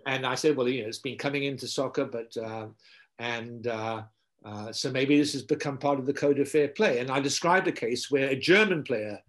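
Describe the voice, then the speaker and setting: A man's voice: mid-range voice, normal speed. An older man, a guest philosopher, speaking in a casual interview over a video call from a home study, repeating words as he thinks. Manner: animated storyteller, repeats words while thinking. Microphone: video call laptop mic.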